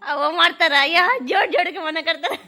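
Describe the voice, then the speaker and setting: A woman's voice: very high voice, fast, bright, forceful tone, a little hiss or hum. A woman in playful family chat, laughing and exclaiming as she retells what a child tells her, with faint music behind. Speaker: family vlogger.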